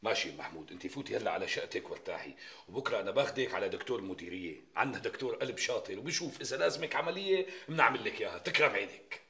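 A man's voice: lowish voice, expressive, very fast, bright, forceful tone. An actor playing a patient but exasperated male neighbor with a Damascene Syrian accent, coaxing and pushing back in a TV sitcom. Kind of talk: TV sitcom acting.

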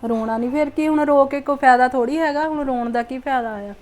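A woman's voice: high voice, fast talker, close to an everyday voice. Scheming greedy middle-aged mother-in-law played by a woman. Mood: consoling. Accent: Punjabi. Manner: chatty, muttering greedy asides. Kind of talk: comedy skit acting.

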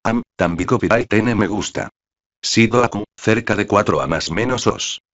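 A man reading the part of an impulsive, chatty young woman in a flat, even way, without changing his own voice. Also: lowish voice, moderate pace, lo-fi sound.

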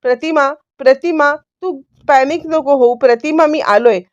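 A woman voicing a worried husband who gently calms his panicking wife, in a dry, slightly dull recording. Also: high voice, measured pace, dry recording, voice pushed up. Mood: soothing. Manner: concerned, soothing.

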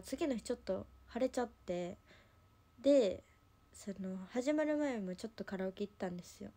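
This young woman, an idol livestream host, talks casually in Kansai Japanese, wandering through a story with plenty of fillers. She has a warm, medium-pitched voice.

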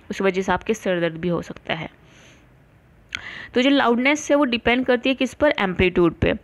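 A woman teacher, explaining a science lesson to students. She asks and answers her own questions and reads textbook lines slowly. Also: medium pitch. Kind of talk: classroom lecture for students.

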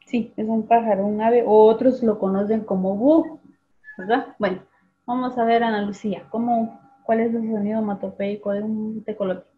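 A woman teacher runs an online class, patiently calling on students by name and repeating sounds slowly. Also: fairly high pitch, steady tone. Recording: tinny phone-like video call audio.

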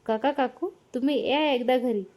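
A woman voicing a kind, hurried young husband who reassures others in a family story read aloud. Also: high-pitched, a little mellow, lightly acted. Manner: brisk, reassuring.

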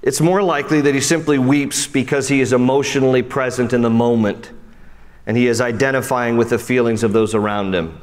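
A man preaching a sermon, animated, often dropping low and soft for emphasis and speaking straight to his listeners. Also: a little fast, in a large hall. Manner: acts out quoted voices and speaks straight to listeners. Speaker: pastor.

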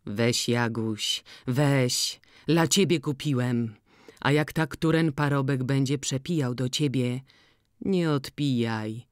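A woman voicing an old farmer who talks slowly and deliberately. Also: no echo, clean studio sound. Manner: slow, measured, low-key.

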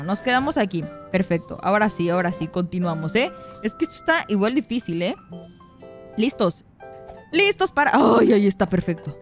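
A young woman giving excited gameplay commentary, often shrieking and squealing at mishaps while talking to her viewers. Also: medium pitch. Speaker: gaming youtuber.

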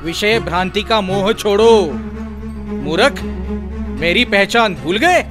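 An actor playing a wise, mocking saint in a devotional film, stern and commanding. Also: male voice, high voice, animated, takes it slowly, over music. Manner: stern, commanding and scolding, with a knowing laugh. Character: wise, mocking male saint with divine authority.

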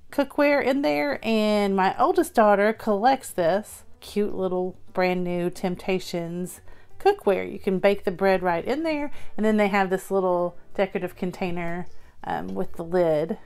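A woman's voice: mid-range voice, darkish tone, clean tone. Chatty woman showing off thrift finds. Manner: chatty, upbeat, with fillers. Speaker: thrift haul vlogger. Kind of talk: casual haul show-and-tell. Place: indoors at a table.

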